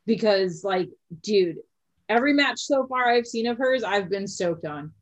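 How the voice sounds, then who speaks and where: A woman co-hosting a casual podcast chat, excitable, swearing freely and laughing often. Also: medium pitch, a little slow, rough recording. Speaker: podcast co-host.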